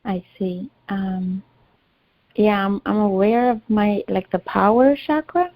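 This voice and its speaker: A woman whose first language is Albanian speaks slowly at a medium pitch, hesitantly telling a healer about her struggles and often searching for words. She is the client in a one-on-one healing session, sharing personal matters. The recording is dry and muffled.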